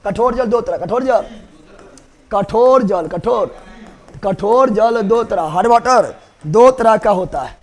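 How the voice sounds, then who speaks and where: A man's voice: high-pitched, expressive, slow. A man teaching a chemistry class, repeating key words and asking students to answer back, with joking asides. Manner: repetitive call-and-response teaching, joking asides. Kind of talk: classroom lecture.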